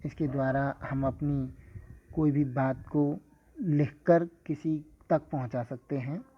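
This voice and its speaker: A man teaching a lesson in a measured, explanatory way, with an occasional filler. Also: medium pitch, steady tone, a little hiss or hum. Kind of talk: scripted lesson lecture. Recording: dull lo-fi recording.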